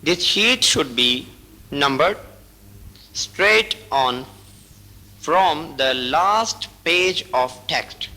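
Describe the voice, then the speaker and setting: A man with a fairly high, bright voice reads instructional rules aloud. He goes very slowly, pausing between short phrases like a patient teacher. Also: expressive, low-quality recording. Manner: slow, deliberate reading in short broken phrases. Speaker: teacher reading out braille rules. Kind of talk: slow instructional reading.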